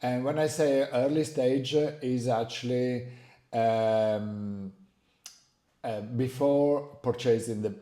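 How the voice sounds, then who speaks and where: A man with a clear Italian accent answers interview questions in a soft, dark tone. He explains things slowly and haltingly, with many searching pauses. The room adds a noticeable echo. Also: medium pitch, steady tone. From Italy. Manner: halting, searching for words, frequent hesitations. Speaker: interview guest, architect. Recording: roomy, echoing sound.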